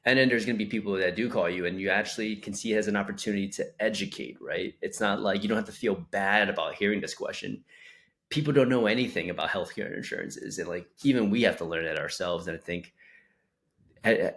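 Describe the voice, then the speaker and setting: A man's voice: lowish voice, fast, fairly bright tone. A young man co-hosting a casual podcast about physical therapy business, rambling and acting out caller quotes.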